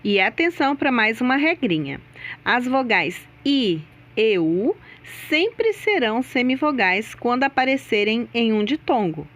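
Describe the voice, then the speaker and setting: A woman teacher giving a scripted grammar lesson, speaking slowly and deliberately and stressing the sounds in example words. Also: fairly high pitch, big pitch swings, a bit bright. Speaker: Portuguese teacher.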